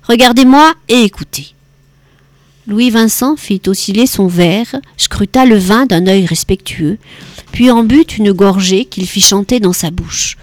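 A woman narrating a detective novel in an even, measured way. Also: mid-range voice, no echo. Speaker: audiobook narrator. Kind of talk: scripted narration.

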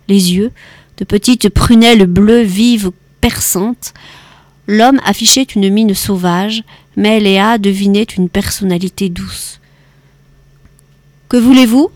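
A woman reads a crime novel aloud in an even, measured storytelling voice. Her pitch sits in the middle range. The recording is dry and close to the microphone. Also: no room sound. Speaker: audiobook narrator. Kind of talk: scripted narration.

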